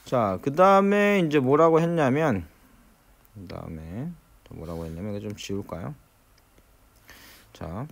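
A man with a Korean accent teaching English in a recorded lecture, explaining step by step and slowing down to repeat each English phrase. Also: medium pitch, animated, gravelly.

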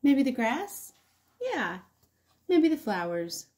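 Female preschool teacher for a kids' counting video. Unhurried, animated intonation, encouraging, pauses for the child to reply. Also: sits high. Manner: encouraging, sing-song, pausing for answers. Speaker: early-years teacher hosting an online circle time. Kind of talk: child-directed counting lesson with questions to viewers.

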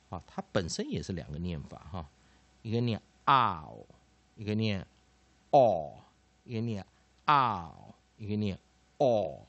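A man teaching English pronunciation, full of filler particles and slow repeated sounds. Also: lowish voice, darkish tone, no room sound. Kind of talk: classroom-style explanation.

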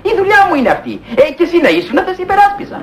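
A smooth, placating lawyer. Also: male voice, extremely high pitch, big pitch swings, fairly bright tone, roomy sound, far from the mic, a little hiss or hum, heavily acted. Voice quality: soothing, polite, evasive.

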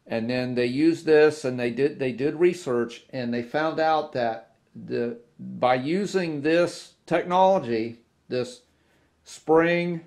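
Man, model railroad tutorial host, very slow pace, halting with restarts, casual, indoor workbench. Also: mid-range voice, a little mellow. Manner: unhurried, halting, many restarts and fillers.

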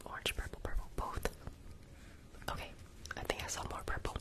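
A young man whispering softly and casually to viewers as an ASMR livestream host, close to the microphone in a small room. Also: fairly quick. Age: young adult. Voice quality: unvoiced whisper. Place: small bedroom, indoors. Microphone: close desktop microphone, sometimes with furry windscreen.

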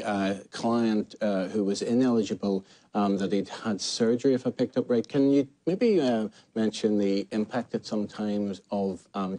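An Australian man moderates a webinar panel with a fairly low voice. He asks questions hesitantly, with many fillers. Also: warm tone. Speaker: webinar facilitator.

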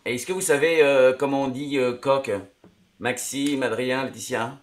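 A man's voice: medium pitch, fairly even intonation, normal speed, slight background noise. A man teaching English words in a casual, patient way. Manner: patient, explaining, chuckles. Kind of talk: casual lesson.

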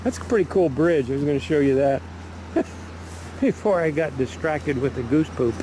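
A folksy, chatty man narrating his outdoor walk in a fairly high voice for a man. He is recorded on a camera mic outside, with plain background noise behind him. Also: animated, normal speed. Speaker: vlogger filming a walk. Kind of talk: casual walking vlog narration. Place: outdoors by a river park.

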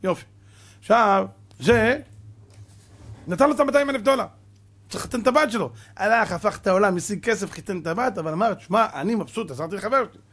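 A male rabbi giving a dramatic sermon, telling parables with lively acted voices. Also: sits high, pauses often. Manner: dramatic storyteller, acting out parables.

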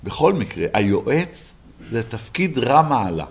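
A man's voice: medium pitch, very animated. A rabbi giving a Bible lesson to a live class, who keeps asking his listeners questions and then answering them himself.

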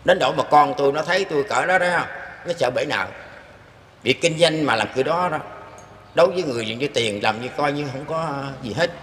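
A man's voice: a little high, fairly quick, a bit bright. An older man recounts his own experience in a casual, earnest and rambling manner, often turning to address his listeners. His voice carries a long reverberant tail in an echoey room. Faint background noise sits beneath it. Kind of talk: casual spoken storytelling.

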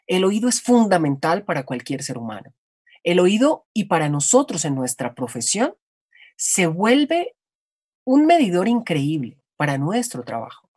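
A woman from Colombia, a voice-over artist, explaining her craft in a reflective, animated conversational interview. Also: lowish voice, unhurried, slightly rough, dry recording, clean studio sound.

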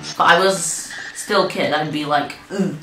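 A woman's voice: sits low, measured pace. A woman giving rambling, self-mocking commentary while she plays a video game. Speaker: gaming channel host. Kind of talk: gameplay commentary. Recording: echoey room, distant mic, game music. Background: game music.

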